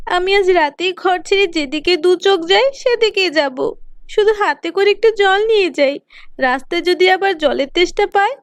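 A woman voicing a gentle, mistreated teenage girl in a cartoon, pleading and tearful. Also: very high-pitched, animated, moderate pace, dry recording, pitched above the performer's own voice. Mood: sad, resigned. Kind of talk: cartoon voice acting.

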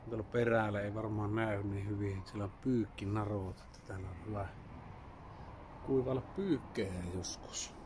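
A man from Finland quietly commenting in short remarks as he explores an abandoned farmhouse, recorded on an action camera. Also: fairly even intonation, background noise. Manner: low-key, terse remarks while exploring. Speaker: urban explorer.

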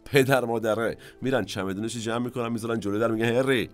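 A man's voice: mid-range voice, fairly even intonation. A man hosting a cinema history podcast, telling stories in a conversational way with asides to his listeners. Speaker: podcast host.

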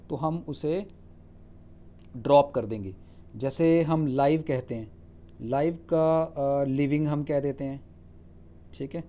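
Here a man gives a Hindi-language lecture on English spelling, explaining the rules step by step in a fairly high, mellow voice. He first reads each rule aloud slowly in English, then explains it in Hindi, spelling words letter by letter and checking with "ठीक है?"

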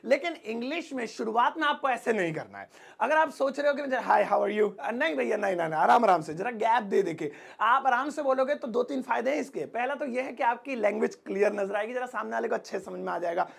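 A man with a Hindi accent teaching spoken English in a fast, joking way, often acting out sample lines. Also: extremely high pitch, lively intonation, vocal fry, fairly bright tone, slightly rough. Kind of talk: energetic spoken-English lesson.

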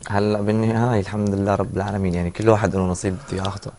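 A man's voice: on the low side, flat delivery, rapid-fire, warm tone, a little hiss or hum. A man in his thirties with a Homsi Syrian accent, giving casual replies as a singer guest. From Homs, Syria. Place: TV studio, seated on sofa.

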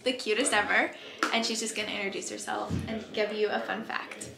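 A woman's voice: medium pitch, steady tone, brisk, gravelly, over music. Chatty young woman vlogging her family. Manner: chatty, upbeat interviewer. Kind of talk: casual family vlog. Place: family home and outdoor gatherings. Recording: echoey room with chatter.

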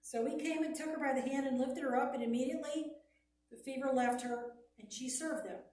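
A woman's voice: high voice, a little hiss or hum. Distant woman reading scripture. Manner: steady, measured reading. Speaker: scripture reader. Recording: echoey room, heard from a distance.

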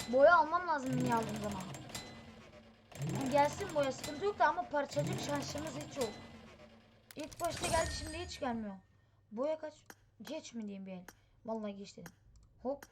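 A woman with a high voice talks through a mobile game, excitable and impatient, with lots of chatty exclamations. The recording carries a steady layer of background noise. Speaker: gaming channel host.

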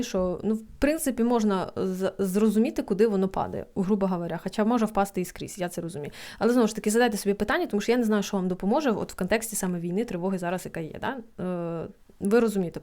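A young woman giving casual psychology advice, chatty, with lots of fillers and quick laughs. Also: mid-range voice, darkish tone. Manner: quick, chatty, many fillers and laughs, acts out inner thoughts. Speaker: psychologist in training. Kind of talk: casual advice talk to camera.

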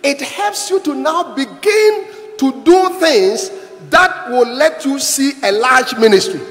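High-voiced emphatic man preaching. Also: expressive, slow, a bit bright, faint music behind. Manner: emphatic, repeats lines for the interpreter. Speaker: pastor. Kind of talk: sermon with interpreter. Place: large church hall. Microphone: handheld mic. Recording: echoey hall with long reverb.

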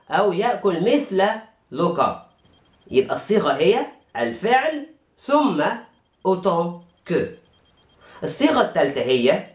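A man with an Egyptian Arabic accent teaching French grammar to students, saying the example phrases slowly and clearly. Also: a little high, reverberant. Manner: slow, drawn-out modelling of example phrases.

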